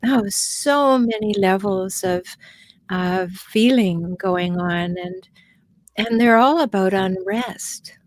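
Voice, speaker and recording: A woman guest speaking as a relationship expert on a casual podcast, telling stories in an animated way with many restarts. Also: medium pitch, slow, no room sound.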